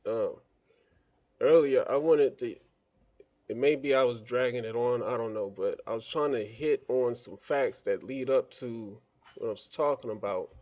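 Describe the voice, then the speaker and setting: A man on a group voice chat, his audio coming through muffled and lo-fi as the connection breaks up. He talks at a middling pitch and likes to frame his points as questions for the others to weigh in on. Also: measured pace, darkish tone. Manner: poses points as questions instead of stating facts. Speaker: participant in an online group discussion. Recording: dull lo-fi voice-chat line.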